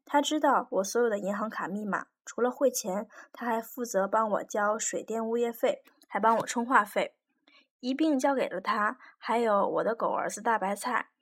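A woman reading an audiobook in a lively, wry storytelling manner. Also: a little high, normal speed. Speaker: audiobook reader. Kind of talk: scripted audiobook narration.

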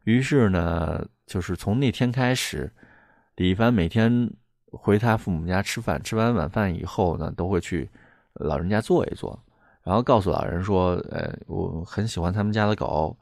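A man's voice: sits low, normal speed, gravelly, a little mellow, no echo, clean studio sound. A man casually retelling a ghost-hunter story, wandering through fillers and restarts. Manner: meandering, full of fillers and restarts.

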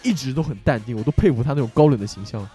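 A man's voice: mid-range voice, very fast, breathy edge, soft background music. A young man hosting an audio show, telling funny stories in casual chat and laughing often. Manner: animated storyteller who laughs often. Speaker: show host.

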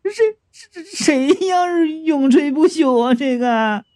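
A man's voice: very high voice, animated, fast, warm tone, husky, pitched above the performer's own voice, full character voice. A man voicing a frightened young woman who talks in a trembling, stammering way.

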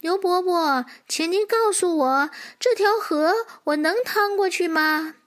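A woman voicing an eager but timid young foal in a children's storybook, with a bright childlike voice. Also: very high-pitched, a little slow, pitched above the performer's own voice. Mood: polite.

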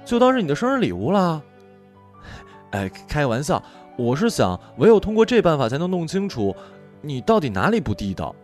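Brief: a man putting on a high, lively young woman roommate, teasing and coaxing, audio story. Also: faint music behind. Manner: playful, coaxing, brisk.

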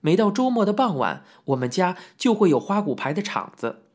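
Audiobook narrator, first-person memoir storytelling, husky voice, lively animated pitch, reminiscing with asides. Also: a little fast.

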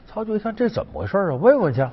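A man's voice: high voice, big pitch swings, rapid-fire, slightly rough. A man telling a folk legend in a chatty, colloquial storytelling style with folksy asides. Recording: dull lo-fi sound.

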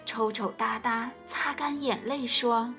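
A woman reading a picture book aloud as a storyteller, gentle and expressive. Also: fairly high pitch, slow pace, soft background music.

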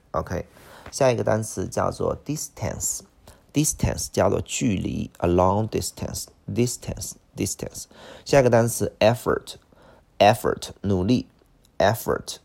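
Deep gravelly guy w/ chinese accent drilling english words over and over, teacher vibe. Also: a little mellow. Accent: Mandarin Chinese. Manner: repeats each word several times, mixes Chinese and English. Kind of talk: IELTS vocabulary lesson.

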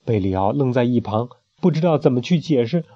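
An animated man reads a storybook aloud to a child, his voice rising and falling with lots of drama. He throws in sound effects as he goes. The recording sounds muffled and lo-fi. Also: mid-range voice, brisk, dry recording. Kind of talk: reading a picture book aloud to a child.

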